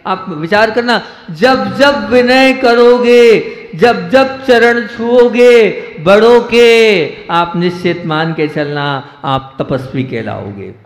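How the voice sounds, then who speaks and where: A male Jain monk with a high-pitched voice gives a slow discourse to a gathered audience. He asks rhetorical questions and repeats phrases for emphasis, alternating raised, emphatic lines with quiet asides. The hall is echoey with long reverb.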